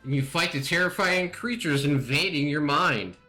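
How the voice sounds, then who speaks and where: A man's voice: on the high side, normal speed, bright, forceful tone, faint music behind. A man hosting a gaming podcast in casual chat, enthusiastic and exclamatory as he runs through his picks. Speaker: podcast host.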